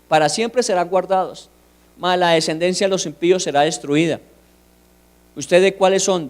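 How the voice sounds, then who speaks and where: Man, pastor, high voice, sermon, emphatic, rhetorical questions, hushed to loud.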